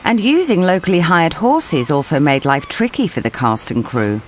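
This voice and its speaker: Lively woman narrating a documentary. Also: deep voice, moderate pace, a little hiss or hum. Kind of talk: scripted narration.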